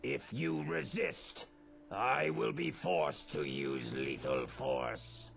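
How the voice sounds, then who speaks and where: An actor playing a theatrical ghoul man in a video game, with a raspy voice and a grandiose way of talking. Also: sits low, slow, soft background music, heavily acted. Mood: pompous, menacing. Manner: grandiose and theatrical, dropping into weary plain talk. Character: theatrical ghoul man posing as pompous alien interloper-hunter. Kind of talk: video game character dialogue.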